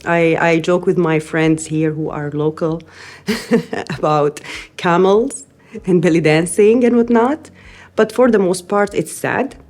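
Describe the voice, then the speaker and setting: A middle-aged woman from Syria, a native Arabic speaker, giving an earnest interview with frequent pauses and restarts. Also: fairly low pitch, darkish tone. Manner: earnest, thoughtful, frequent hesitations. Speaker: interviewee, newcomer parent. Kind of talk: interview testimony.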